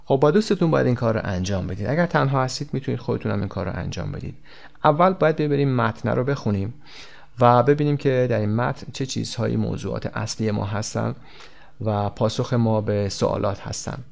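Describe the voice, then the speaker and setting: Gravelly man teaching English. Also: mid-range voice, a little mellow. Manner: reads English examples slowly and clearly, explains quickly. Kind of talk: textbook lesson explained in Persian.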